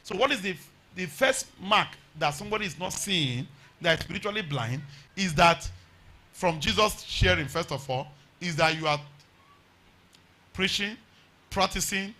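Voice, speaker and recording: A man's voice: high voice, lively intonation, moderate pace, long pauses, pushed and bright. A man with a Nigerian accent preaching a revival sermon, exhorting emphatically with repeated phrases and rhetorical questions.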